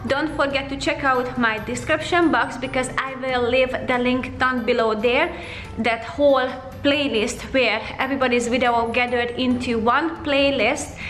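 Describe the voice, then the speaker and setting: A woman in her thirties chatting cheerfully through a home cleaning vlog, talking close to the camera in a bright kitchen. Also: sits high. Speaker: home vlogger.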